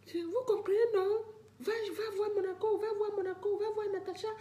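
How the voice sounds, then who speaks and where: A woman's voice: very high voice, fairly even intonation, moderate pace, warm tone. An older woman ranting emotionally to her live-stream viewers, pleading and repeating herself as she talks straight to them. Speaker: livestreamer addressing viewers.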